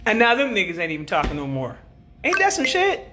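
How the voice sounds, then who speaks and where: Brash, profane woman with a bright voice. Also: mid-range voice, a little fast, a little hiss or hum. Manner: profane, joking and animated, repeats phrases, laughs often. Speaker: spiritual teacher on a livestream. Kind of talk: casual livestream talk answering comments.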